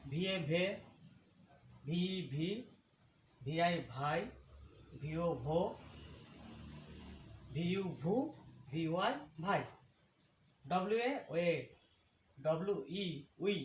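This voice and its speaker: A man's voice: a little high, drawn-out words, long pauses. A man teaching a phonics lesson, reciting letter sounds one by one in a drilled, sing-song rhythm. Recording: echoey room with faint background noise.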